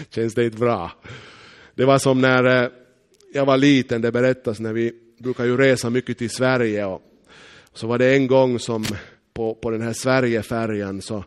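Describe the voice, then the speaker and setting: A man from eastern Uusimaa in Finland, with a Finland-Swedish accent, preaching a sermon. He tells stories emphatically and slows down on key phrases. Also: medium pitch.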